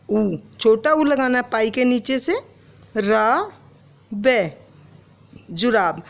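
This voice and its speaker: A woman teaching young children to spell, sounding out words syllable by syllable and asking them questions. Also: a little high. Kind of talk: children's Hindi lesson.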